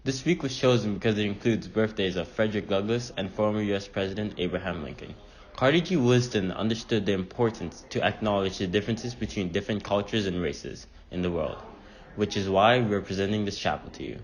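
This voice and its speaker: Young man, fairly low voice, formal read-aloud intro. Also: a little fast, rough recording. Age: young adult. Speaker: student presenter. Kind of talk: scripted introduction.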